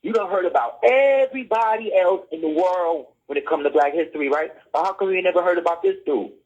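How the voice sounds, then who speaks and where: A man's voice: high-pitched, a little fast, a little mellow, slightly rough. A middle-aged man, a podcast guest, lecturing in a conversational way, pressing his points and often checking whether the listener follows. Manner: insistent, keeps asking "you see what I'm saying?". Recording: dull lo-fi audio.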